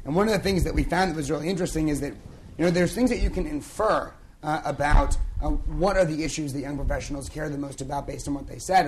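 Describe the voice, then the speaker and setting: Young male moderator, hoarse with a lost voice, chatty and full of fillers, fairly high pitch, faint noise behind. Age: young adult. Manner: conversational, with many fillers and restarts. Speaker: panel moderator. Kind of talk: conference panel introduction. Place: conference event on stage.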